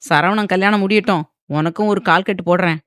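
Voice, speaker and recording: A woman's voice: fairly low pitch, brisk, a bit bright, smooth, no room sound, close to an everyday voice. A fond but bossy grandmother who scolds with a wry, joking edge, as a woman reading an audio novel puts her on. Her voice comes through dry and close. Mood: teasing.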